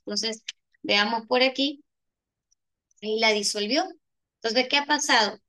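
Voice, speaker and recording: A woman's voice: a little high, a little slow, bright, forceful tone. A woman teacher walking through exam answers, explaining step by step and asking rhetorical questions, with a Peruvian Spanish accent. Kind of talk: exam solution lesson.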